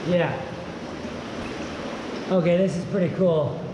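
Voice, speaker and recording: Young man's voice in a booming cave echo. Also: fairly even intonation, slow pace. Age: young adult. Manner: awed, exclaiming. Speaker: vlogger. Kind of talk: casual handheld vlog commentary. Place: inside a rock cave with running water. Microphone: handheld camera. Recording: muffled cave echo, loud water noise.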